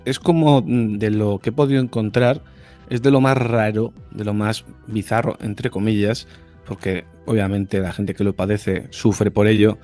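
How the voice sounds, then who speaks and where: Male psychologist guest, lowish voice, conversational explainer, faint music bed. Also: a little mellow. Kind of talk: casual explanatory interview talk.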